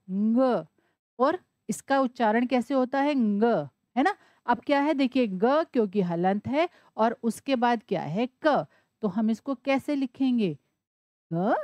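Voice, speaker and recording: A woman's voice: fairly high pitch, lively intonation, unhurried, darkish tone, no room sound, dull audio. A woman teaching Sanskrit, spelling words out letter by letter and asking and answering her own questions. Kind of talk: classroom explanation.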